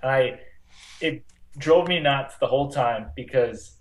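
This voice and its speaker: A man co-hosting a casual podcast, talking in an animated way, swearing freely, and jumping into high put-on voices to act out scenes. His voice sits at a middle pitch. The sound is roomy, with a clear echo. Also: unhurried. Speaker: podcast co-host. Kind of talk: casual chat.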